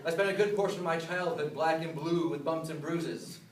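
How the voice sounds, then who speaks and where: An American man delivering a memorized humorous speech to an audience, with deliberate pauses and self-deprecating punchlines. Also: a little high. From upstate New York, USA. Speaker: contestant giving a humorous club speech. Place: live speech in a room. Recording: roomy, distant mic, some noise.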